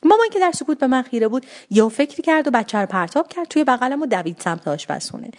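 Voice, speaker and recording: A woman narrating a first-person story with a wry, comic, animated delivery. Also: high voice.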